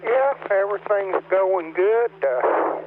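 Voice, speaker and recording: A man's voice: high-pitched, expressive, takes it slowly, narrow, tinny audio. A man checking in on an amateur radio net, talking in an easygoing way, heard over a two-way radio with faint static. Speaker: ham radio operator checking in.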